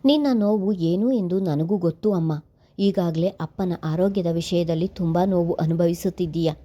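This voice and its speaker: A woman voicing an earnest young man who gently reassures his mother in a storybook reading. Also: lowish voice, normal speed, lightly acted. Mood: reassuring.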